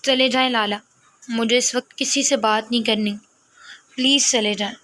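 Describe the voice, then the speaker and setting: A woman's voice: fairly high pitch, steady tone, fairly bright tone, natural voice. A woman voicing an upset young girl who refuses stubbornly through sobs. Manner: sobbing, stubborn.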